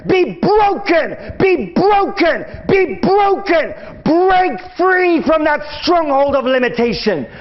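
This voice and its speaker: A man leading a fervent prayer, commanding and repeating phrases as he builds to shouts. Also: very high-pitched. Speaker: preacher. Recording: dull lo-fi sound.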